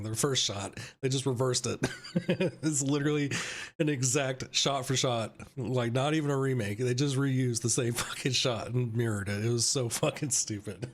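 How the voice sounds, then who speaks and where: A man's voice: mid-range voice, fairly quick. Profane, laughing young man ranting. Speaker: live stream host. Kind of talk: casual chat.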